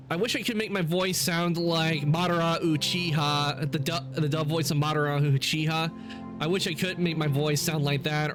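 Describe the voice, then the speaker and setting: A man streaming a game and chatting casually in a rambling, halting way. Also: a little high. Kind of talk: casual chat while playing. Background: game music and dialogue.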